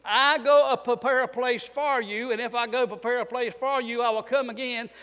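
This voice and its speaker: Man, very high voice, fervent sermon, long church reverb. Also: fairly even intonation, moderate pace, sharp tone, clean tone. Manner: fervent preaching, rising and falling in volume. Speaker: pastor.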